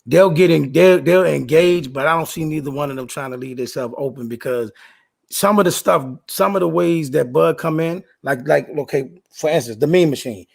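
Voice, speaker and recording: Gravelly man in his late forties. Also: fairly high pitch, moderate pace. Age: 40s. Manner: emphatic, repeats himself. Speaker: co-host. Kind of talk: casual sports debate.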